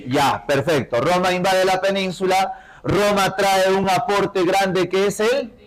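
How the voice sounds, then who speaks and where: A man with a notably high-pitched voice teaching a class with a Peruvian accent. He keeps the lesson moving with rapid questions and tag checks, prodding his students to speak up and answer. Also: steady tone, low-quality recording. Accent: Peruvian Spanish.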